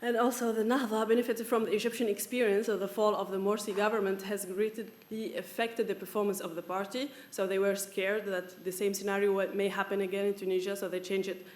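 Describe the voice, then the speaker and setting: A woman panel speaker wrapping up an academic talk, speaking haltingly with many fillers. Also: medium pitch, level tone, darkish tone. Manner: halting, filler-heavy, earnest. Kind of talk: academic presentation. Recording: echoey room, faint background noise.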